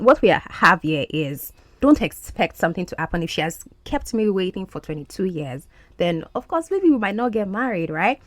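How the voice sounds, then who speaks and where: A woman's voice: fairly low pitch, no echo, studio quality. A woman explaining English words and idioms in a podcast lesson, checking in with "okay?". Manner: explains slowly, often asks "okay?". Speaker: English teacher.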